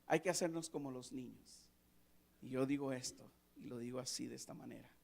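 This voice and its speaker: A man preaching in a church. He repeats key phrases for emphasis and swings between soft asides and loud, passionate peaks, then leads a closing prayer. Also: medium pitch, fairly quick, vocal fry. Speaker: pastor. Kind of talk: Spanish-language sermon and closing prayer. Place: church sanctuary.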